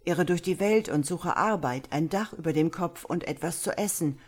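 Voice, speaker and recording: A woman's voice: fairly low pitch, normal speed, breathy edge. A woman voicing a young orphan boy who speaks earnestly, in a storybook reading. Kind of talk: audiobook reading.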